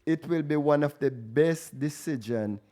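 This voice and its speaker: A man's voice: on the high side, a little slow, mellow. A man hosting a radio talk show, enthusiastic and addressing listeners directly, often stumbling and restarting. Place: radio studio.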